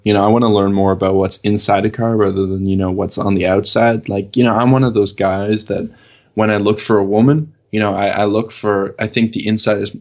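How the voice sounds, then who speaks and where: A man's voice: on the low side, dull audio. A Canadian man with a Canadian accent, a film critic guesting on a podcast, joking and hesitant with many ums. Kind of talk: casual chat.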